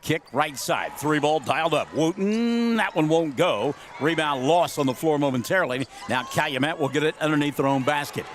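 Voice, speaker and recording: A man calling a high school basketball game on the radio, jokey and excitable, yelling on big plays. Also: normal speed, few pauses. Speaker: play-by-play announcer. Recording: gym crowd noise behind.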